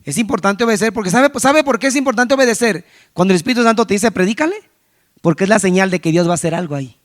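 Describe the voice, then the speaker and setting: A man's voice: sits high, very fast. A man preaching a sermon, telling a street-evangelism story and acting out the people he met, with frequent restarts. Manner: storytelling, acts out quoted voices, frequent restarts. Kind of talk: sermon testimony.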